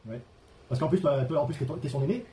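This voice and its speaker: A man's voice: a little high, dark tone, a little hiss or hum. A man, the host's husband, joining her live stream and backing her up with emphatic remarks. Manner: fast, emphatic, backing up his wife.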